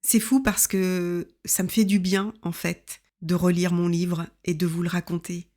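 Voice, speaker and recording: A woman in her fifties reading her own memoir aloud in an intimate, reflective, measured way. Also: fairly low pitch, level tone, darkish tone. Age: 50s.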